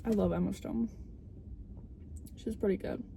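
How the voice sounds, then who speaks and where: A woman's voice: mid-range voice, steady tone, unhurried, creaky, dark tone. A young woman in a casual car vlog, talking candidly and a little theatrically with plenty of swearing. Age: young adult. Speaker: vlogger. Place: inside a car. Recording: background noise inside a car.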